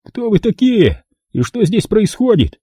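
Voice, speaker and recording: A man doing a blustering crook who threatens one moment and pleads the next, his voice pitched up and strained. The tone is dark and husky, read close and dry in an audiobook. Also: big pitch swings, unhurried, dry recording, heavily acted. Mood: indignant. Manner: shrill, blustering, frightened. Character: panicky indignant middle-aged male photographer.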